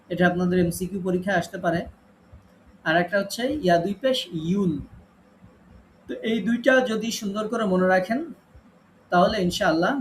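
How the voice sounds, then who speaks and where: A man's voice: high-pitched, a little hiss or hum, poor audio. A man teaching an online Quran recitation class, patiently repeating each rule so it sticks. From Bangladesh. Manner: patient, repeats key rules.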